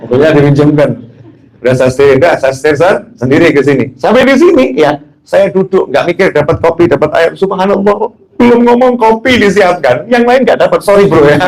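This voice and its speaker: A man's voice: a little high, animated, brisk, darkish tone, low-quality recording. A man preaching as a habib, telling anecdotes, joking and asking the audience questions. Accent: Indonesian. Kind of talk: religious talk.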